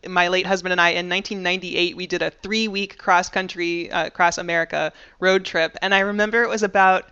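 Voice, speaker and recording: A woman hosting an interview, thoughtful and a little halting, with warm asides. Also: lowish voice, fairly even intonation, clean tone, highs cut off. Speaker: podcast host. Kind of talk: casual interview.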